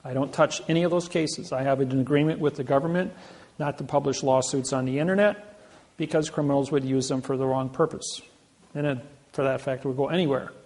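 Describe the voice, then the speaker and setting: A man's voice: mid-range voice, fairly even intonation, brisk, a little mellow. An older man giving a seminar talk, telling boastful stories with many restarts and false starts. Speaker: seminar speaker. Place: seminar room.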